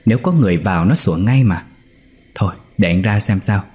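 A man voicing a tense rural husband who talks bluntly and gruffly. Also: lowish voice, animated, fairly quick, natural voice. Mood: uneasy. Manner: blunt, shouting when alarmed.

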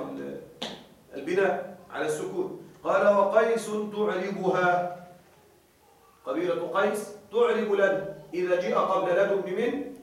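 A man with a fairly high voice leads a classroom lesson, often asking the students a question and answering it himself and checking that they are following. He draws out the words he wants to stress. He is recorded from a distance in a very echoey room. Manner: slows down to drawl out words he is stressing. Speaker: teacher. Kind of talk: classroom lecture with student replies.

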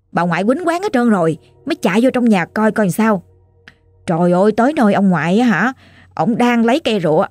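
A woman with a Southern Vietnamese accent tells a family ghost story in a chatty, exclaiming way, sprinkling her telling with folksy interjections. Her voice sits in a middle pitch and sounds dry and close. Faint music plays softly behind her. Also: no echo.

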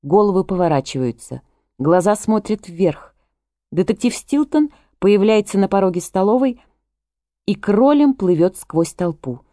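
A woman reading a literary novel aloud as audiobook narrator, in a measured, even way, close to a studio mic. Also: medium pitch, no echo.

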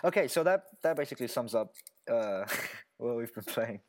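A young man co-hosting a casual podcast about games. He talks in a loose, excitable way, laughs often and says "like" a lot. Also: mid-range voice, normal speed. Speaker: podcast co-host. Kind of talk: casual gaming chat.

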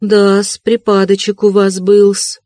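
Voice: mid-range voice, completely flat delivery, slow pace, a little mellow, no echo, studio quality, natural voice. A reader voicing a fussy, ingratiating middle-aged male investigator in an audiobook, wheedling and chuckling. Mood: fussing, solicitous. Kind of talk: audiobook character reading.

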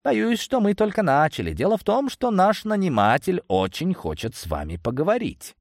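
Man playing a mocking bald gangster boss, high-pitched, sneering, cold, dry close sound. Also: huge pitch swings, normal speed, no echo, exaggerated voice. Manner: sneering, commanding.

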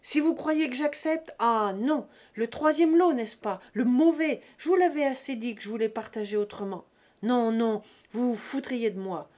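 A woman voicing a furious, jealous young male peasant who shouts and rants. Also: fairly high pitch, normal speed, close to an everyday voice. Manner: shouting, ranting.

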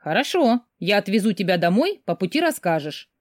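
A woman reading an audiobook, voicing a nosy, insistent older sister with a loud, pushy manner. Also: mid-range voice, sing-song, brisk, dry recording, studio quality, close to an everyday voice.

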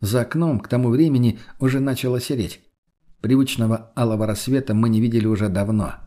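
A man reading a first-person audiobook in a steady, matter-of-fact way, with a husky voice. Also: medium pitch. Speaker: audiobook narrator.

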